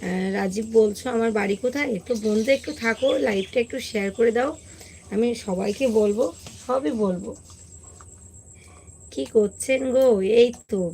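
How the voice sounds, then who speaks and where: A woman, hoarse today, hosting a casual live stream and greeting viewers one by one. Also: medium pitch, fairly quick, darkish tone, a little hiss or hum.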